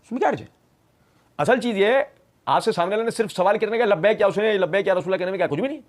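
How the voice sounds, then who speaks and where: A man delivering a religious rebuttal lecture in a somewhat high voice. He talks with animated emphasis and biting sarcasm. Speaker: religious scholar.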